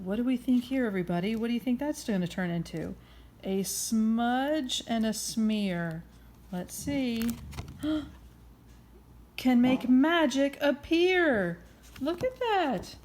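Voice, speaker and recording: A woman with a slightly high, somewhat mellow voice hosts a children's story time, reading a picture book aloud with expression and encouragement. She asks her listeners questions along the way, and the audio carries a little hiss or hum.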